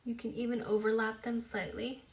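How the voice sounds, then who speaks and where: A woman's voice: fairly high pitch, little pitch movement, moderate pace. A young woman chatting casually while showing a makeup routine at home, talking as she works and poking fun at herself. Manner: chatty, self-deprecating, talks while working. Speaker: makeup vlogger. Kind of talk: casual tutorial chat.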